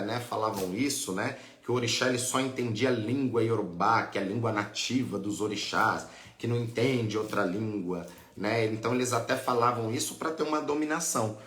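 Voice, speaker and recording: A man's voice: fairly low pitch, fairly bright tone, echoey room. A man with a Brazilian accent, a priest and teacher explaining patiently as he answers questions on a live lesson. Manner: patient, explanatory, adds "né?" and "tá?" often.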